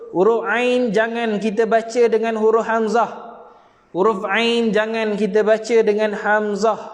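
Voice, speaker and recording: A man's voice: high voice, in a large hall. A man with a Malaysian Malay accent teaching Quran recitation online, repeating each point earnestly and chanting the verses as examples. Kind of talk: online Quran reading lesson.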